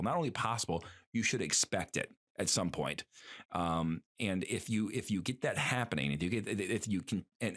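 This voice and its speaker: Male podcast co-host, lower voice, casual and rambling, lots of "uh" and restarts. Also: a bit bright. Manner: rambling, many fillers and restarts.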